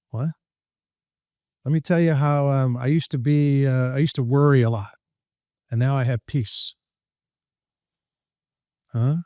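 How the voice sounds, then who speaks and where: Male motivational speaker as podcast guest: mid-pitched, animated, quick to joke, close and dry. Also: dry recording. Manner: lively, jokey, laughs at his own lines. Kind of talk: animated storytelling in conversation.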